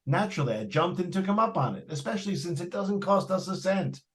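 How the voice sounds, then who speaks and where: A man with a high-pitched, animated voice speaks fairly quickly as a talkative property salesman keen to sell off a haunted house. Delivered like an old-time radio suspense show, his manner is folksy, persuasive and colloquial.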